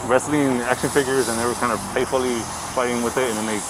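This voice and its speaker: A man's voice: mid-range voice, steady tone, fast, background noise. A man working as a police officer, asking questions casually, recorded on a body camera. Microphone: body-worn camera.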